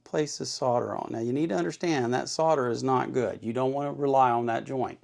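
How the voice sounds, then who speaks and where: A man hosts an informal electronics kit-building tutorial, his mid-pitched, darkish voice full of gravelly fry and fairly quick. He's folksy and plain-spoken, reassuring the learner and going back over his points in hands-on tutorial talk.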